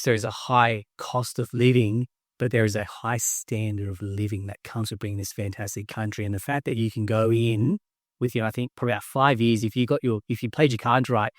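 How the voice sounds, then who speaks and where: A man's voice: mid-range voice, steady tone, brisk, no room sound, studio quality. A man, co-hosting a podcast in casual, enthusiastic chat with many fillers and restarts. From Australia. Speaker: podcast host, company co-founder.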